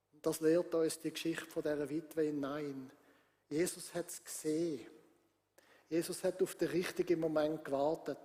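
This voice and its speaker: A man's voice: on the high side, dark tone, big-room sound. A male pastor with a Swiss German accent, preaching a sermon with emphatic, repetitive phrasing that builds in volume.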